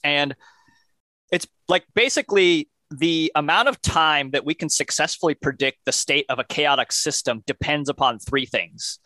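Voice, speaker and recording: A man co-hosting a finance podcast, explaining ideas step by step in a measured way. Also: medium pitch, pushed and bright, no echo. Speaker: podcast co-host. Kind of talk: casual finance podcast chat.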